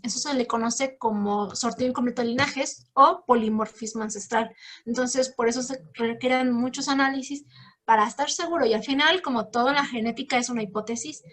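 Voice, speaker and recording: A woman lectures and fields questions from students. Her voice sits a little high, and she explains patiently, leaning often on fillers. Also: a bit bright. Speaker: guest lecturer. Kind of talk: academic talk answering questions.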